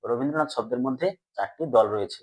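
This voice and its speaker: Male teacher, mid-pitched and a bit breathy, runs a grammar lesson with questions he answers himself. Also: a little mellow. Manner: asks students questions and answers them himself; drawn-out slow syllable-by-syllable pronunciation.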